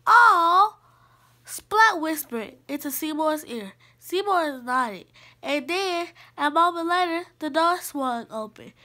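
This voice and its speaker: A woman's voice: sits high, lively intonation, slow pace, sharp tone. A woman reading a children's picture book aloud, carefully, with small restarts. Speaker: storybook reader.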